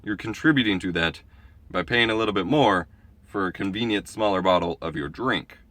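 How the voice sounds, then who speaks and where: A man's voice: sits low, expressive, moderate pace, a bit bright. Congested man vlogging on his phone. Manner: chatty, opinionated explaining. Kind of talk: casual vlog monologue. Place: gas station store and car. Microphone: phone camera, handheld or propped.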